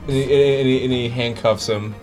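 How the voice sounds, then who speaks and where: A man's voice: mid-range voice, fairly even intonation, normal speed, a little mellow, faint music behind. A man narrating a tabletop game as game master, casual and full of restarts. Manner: casual, with fillers and repeats.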